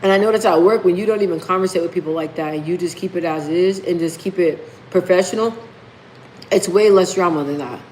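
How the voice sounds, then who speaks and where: Reading out viewer comments and hammering key phrases, a livestream host talks emphatically and briskly in a casual stream. Her voice is lowish and darkish, and the rough recording carries slight background noise.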